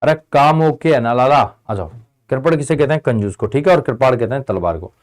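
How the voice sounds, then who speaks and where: This man speaks at a medium pitch, animated and brisk, as he leads an online exam-prep class for an Indian tutoring channel. Keeping it casual, he fires off questions, supplies the answers himself, and addresses his students as beta and bhai.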